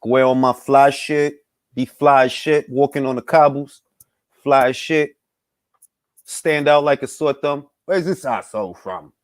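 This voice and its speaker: With a mid-range voice and an unhurried pace, the young host of a casual boxing stream banters profanely and loosely with his live viewers. The audio is clean studio sound without echo.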